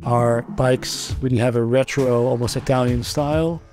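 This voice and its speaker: Faint music sits behind this middle-aged Dutch company founder as he gives a documentary interview in a steady, slightly mellow, medium-pitched voice at a moderate pace. He has a Dutch accent and speaks thoughtfully, frequently restarting and filling pauses.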